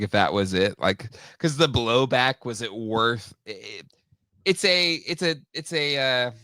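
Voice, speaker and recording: A man's voice: mid-range voice, pushed and bright, no echo, studio quality. A man hosting a casual talk show, rambling with lots of fillers and restarts. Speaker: podcast host. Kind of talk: casual chat.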